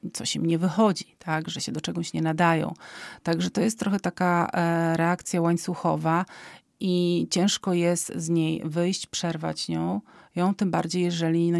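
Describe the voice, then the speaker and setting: A woman speaking as an expert guest in an interview, explaining calmly with frequent hesitation fillers and a habit of ending points with a questioning tag. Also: low-pitched, vocal fry, no echo, studio quality. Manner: calm and explanatory, often ends points with a questioning "tak?".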